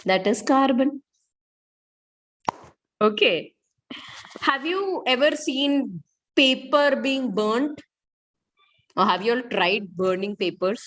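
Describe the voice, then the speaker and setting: A woman's voice: on the high side, animated, slow pace, long pauses, fairly bright tone, rough recording. A middle-aged woman with an Indian accent teaching chemistry in an interactive online class, asking questions and repeating key points. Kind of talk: interactive online school lesson.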